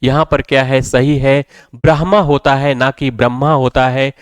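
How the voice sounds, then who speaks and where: A man's voice: medium pitch, flat delivery, moderate pace, smooth, no room sound. A man teaching a spelling lesson, repeating each word and asking rhetorical questions before giving the answer. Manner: repetitive, drills words and asks rhetorical questions. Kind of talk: classroom lecture.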